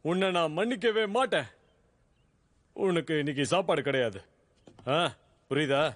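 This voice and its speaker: A man's voice: a little high, expressive, moderate pace, no echo, lightly acted. A man dubbing a lazy, hard-drinking uncle who scolds and mocks a boy, with music behind. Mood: scolding. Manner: scolding, mocking, blustery.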